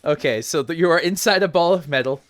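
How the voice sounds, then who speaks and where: A man's voice: on the high side, quick pace. A young man running a tabletop game as game master, laughing often and swearing casually.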